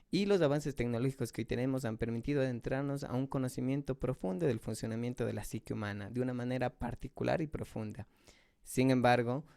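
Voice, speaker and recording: Smooth-voiced devout radio host man. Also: medium pitch, a little mellow, no room sound, studio quality. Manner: measured, devout, slows for prayers.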